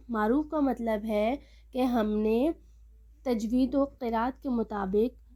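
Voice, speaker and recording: A woman with a somewhat high voice teaches a recorded reading lesson as an online Quran teacher. She explains patiently, point by point. When she says a letter name she draws it out slowly and leans on it, so the learner can hear each sound. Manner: patient, step-by-step explaining, stretching out letter names slowly and loudly.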